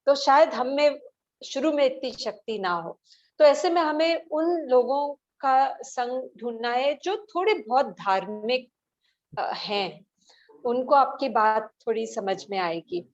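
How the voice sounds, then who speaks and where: A woman teaching and giving gentle advice in a devotional question and answer session, mixing English phrases into her speech. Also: high voice, slow, lo-fi sound. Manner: gentle, advising, mixes English into Hindi.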